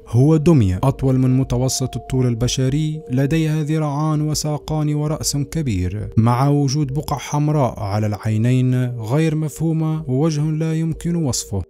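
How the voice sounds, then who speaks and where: Man narrating with a dark, mellow voice. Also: medium pitch. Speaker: channel host and narrator. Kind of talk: scripted narration of creepypasta stories.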